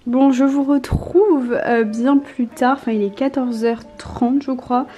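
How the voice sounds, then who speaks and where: Speaking a little slowly in a high voice with a dark tone, a French woman in her twenties vlogs casually at home. Her talk to the camera is full of hesitations and fillers. Background music can be heard.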